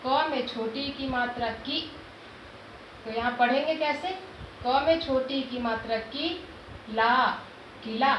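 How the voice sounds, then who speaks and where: A woman teaching a Hindi lesson to young children. She asks questions and answers them herself, sounding out each syllable slowly. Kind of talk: classroom lesson explaining Hindi vowel signs. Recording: echoey room, dull low-fi sound, background noise.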